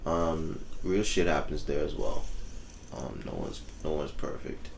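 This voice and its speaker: A young Bahamian musician chats easily as an interview guest, laid-back and full of ums, in a very deep, gravelly, unhurried voice. The casual interview is recorded in an echoey room with faint background noise.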